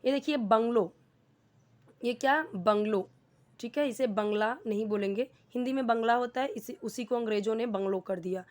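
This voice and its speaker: A woman's voice: a little high, brisk, darkish tone. Patient woman teaching English. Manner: patient, asks and answers her own questions. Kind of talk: explaining a lesson.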